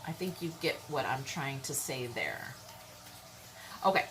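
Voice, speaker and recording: A woman with a very deep voice gives a casual, chatty tarot reading, animated but measured in pace. She speaks her mind bluntly and keeps checking in with listeners with "okay?" and "all right?", on a rough recording with a little hiss or hum.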